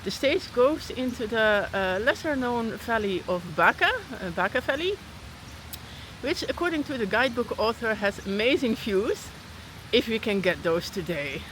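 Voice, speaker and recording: A woman's voice: fairly high pitch, expressive, normal speed, fairly bright tone, a little hiss or hum, low-quality recording. Chatty woman vlogging on a hike. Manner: chatty, frequent "uh" fillers, self-deprecating. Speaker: hiking vlogger. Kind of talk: casual vlog narration while hiking. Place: outdoors on a mountain trail in rain.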